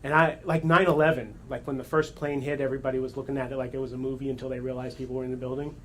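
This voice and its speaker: A man telling an animated, excited story to an audience at a gathering, with quick self-corrections and laughs. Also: mid-range voice, slight background noise. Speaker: coach and speaker.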